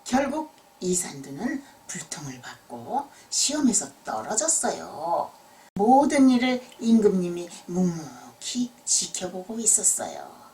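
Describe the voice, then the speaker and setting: Woman, children's tale narration, gentle, dramatic emphasis, lively swooping pitch, slightly distant recording. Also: unhurried. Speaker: children's storyteller.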